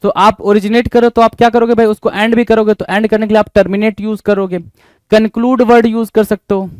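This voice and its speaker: A man's voice: sits high, little pitch movement, fairly quick, a little mellow, clear, resonant tone, dry recording. A man teaching an exam vocabulary lesson, asking the listener rhetorical questions over and over. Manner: repetitive quizzing asides.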